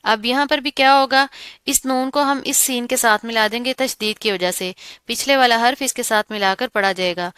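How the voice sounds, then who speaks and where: A woman teaching a Quran recitation lesson, explaining each rule step by step and repeating words slowly. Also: fairly high pitch, fairly bright tone, smooth, no echo, studio quality. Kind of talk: tajweed lesson.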